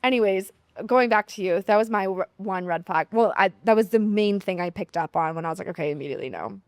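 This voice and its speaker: Brief: chatty woman co-host, gushing and filler-heavy, mid pitch, dry. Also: brisk, clean tone, dry recording. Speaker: podcast co-host. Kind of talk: casual chat.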